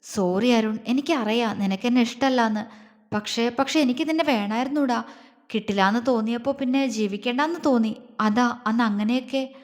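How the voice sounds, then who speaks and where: A soft, pleading, lovesick young wife from a romance audio story, as a woman reads her. The high voice carries a long hall reverb. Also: normal speed, close to an everyday voice.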